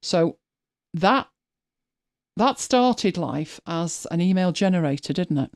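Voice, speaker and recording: A woman's voice: fairly low pitch, animated, slow, darkish tone, no echo, clean studio sound. A woman hosting a live stream, chatting casually as she walks viewers through her screen, thinking aloud and often restarting her sentences. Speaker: host.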